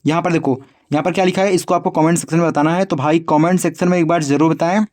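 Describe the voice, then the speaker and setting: A man teaching spelling on his video channel. He talks casually, calls the viewers brother and kids, and slowly repeats each word as he spells it out. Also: a little high, steady tone, a little mellow. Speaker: English tutor on a video channel. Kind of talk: casual spoken lesson, spelling out words.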